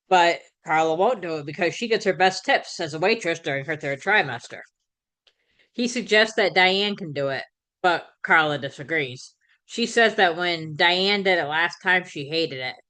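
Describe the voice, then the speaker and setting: Bright-voiced woman recapping casually. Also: sits low. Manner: conversational, with fillers and self-corrections. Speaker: podcast host.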